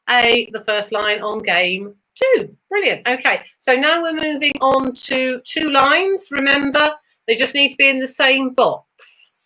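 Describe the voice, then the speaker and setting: A woman's voice: high-pitched, sharp tone, low-quality recording. A woman with a British accent working as a bingo caller, announcing numbers in a sing-song manner with chatty asides. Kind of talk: bingo calling with traditional rhyming number nicknames.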